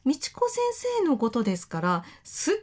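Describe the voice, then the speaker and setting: A woman's voice: on the high side, wildly swooping pitch, moderate pace. A woman radio host leading a friendly talk segment and asking attentive questions.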